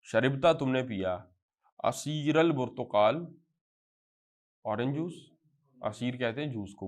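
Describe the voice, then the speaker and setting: A man with a Pakistani accent teaching Arabic to a live class. He spells out example phrases slowly and then explains them in quick bursts. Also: mid-range voice. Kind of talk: classroom lecture.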